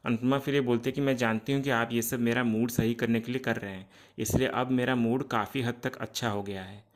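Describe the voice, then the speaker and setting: A man's voice: mid-range voice, steady tone, a little fast. A man narrating a TV serial recap in a casual tone, reporting each character's lines in turn, with occasional restarts mid-word.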